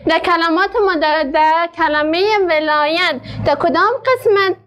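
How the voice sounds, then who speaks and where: A woman teacher with an Afghan Dari accent, slowly sounding out words for her pupils and then quickly asking them questions. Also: extremely high pitch, a bit bright, lo-fi sound. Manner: slow syllable-by-syllable drilling, quick questions to pupils. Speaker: literacy teacher. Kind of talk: classroom lesson.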